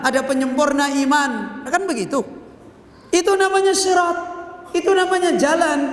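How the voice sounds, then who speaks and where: A man preaching a sermon in a mosque hall, asking his listeners rhetorical questions and answering them himself. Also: extremely high pitch. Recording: echoey hall with long reverb, faint noise.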